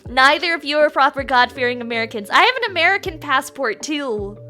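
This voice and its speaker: A woman livestreamer chatting casually and excitably with her viewers in a cute, bubbly anime-streamer manner. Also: high voice, a little fast, faint music behind. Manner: crude, playful swearing banter. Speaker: live streamer host.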